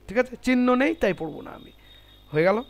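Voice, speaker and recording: A man's voice: sits high, expressive, quick pace, vocal fry. A man teaching Quran recitation in an online class, explaining the rules step by step and patiently correcting his students.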